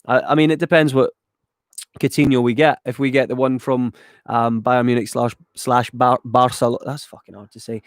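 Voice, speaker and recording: A YouTuber from west of Glasgow, Scotland, reads viewer chat questions aloud and wanders through his answers with lots of ums and casual swearing. He has a mid-range voice, flat delivery, and a moderate pace. The studio sound is clean, with no echo.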